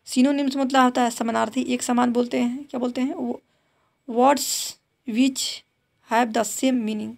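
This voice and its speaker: A woman's voice: fairly high pitch, creaky, a little mellow. A woman teaching exam vocabulary, explaining each word in Hindi, reading its English definition and repeating it with a drilling question.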